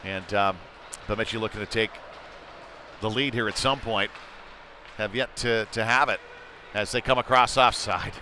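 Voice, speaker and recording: This is live commentary on amateur hockey from a man with a lowish voice who talks at a moderate pace and pauses often. He sounds casual and conversational, picking up excitement as play heats up, with a little hiss or hum behind him.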